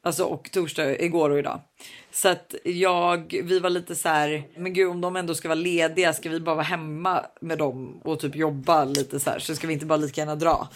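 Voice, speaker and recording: A woman co-hosting a podcast in casual chat, expressive and playful, exclaiming often. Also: low voice. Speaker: podcast co-host.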